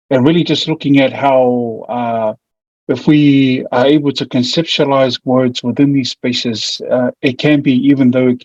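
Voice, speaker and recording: A man with a broad New Zealand accent and a medium-pitched, slightly mellow voice gives an informal online presentation as a family violence mediator. He sounds a bit hesitant, and the room audio is muffled and echoey.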